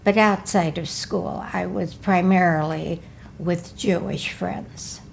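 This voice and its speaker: A woman in her eighties from Wisconsin, recalling her life in a slow, careful, measured way during an interview. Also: on the low side, fairly even intonation, gravelly, slight background noise. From Milwaukee, Wisconsin. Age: 80s. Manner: slow, careful, measured recollection, often asking to repeat. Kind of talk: recorded life-story interview.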